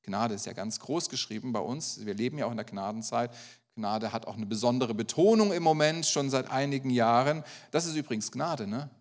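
German pastor preaching in a reverberant church. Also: male voice, medium pitch, expressive, a little fast. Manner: asks the congregation direct questions. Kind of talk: sermon.

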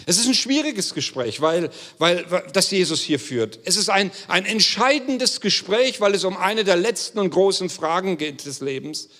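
A man's voice: sits high, expressive, moderate pace, hardly any pauses, sharp tone. A man preaching a sermon as pastor, speaking earnestly and emphatically straight to his listeners. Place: church hall. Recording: long church-hall reverb.

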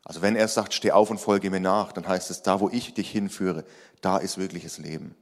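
A man preaching a sermon. He is animated and raises his voice to act out quoted lines, then drops low and quiet for emphasis. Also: normal speed. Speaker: pastor.

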